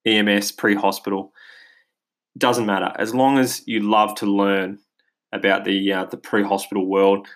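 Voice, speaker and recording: A middle-aged Australian man hosts his own podcast in a casual, eager monologue packed with fillers and restarts, recorded on a basic home podcast mic. His voice is fairly low in pitch, delivered flatly at a normal speed.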